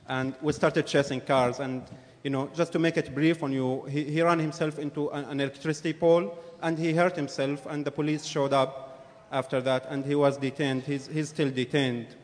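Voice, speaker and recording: Man, from jordan, formal testimony, earnest, halting, repeats words, slightly high voice, long hall reverb. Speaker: witness giving testimony. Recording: reverberant hearing room.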